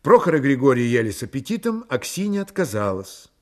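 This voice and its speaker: A man narrating a literary audiobook in a calm, measured, unhurried way. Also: medium pitch.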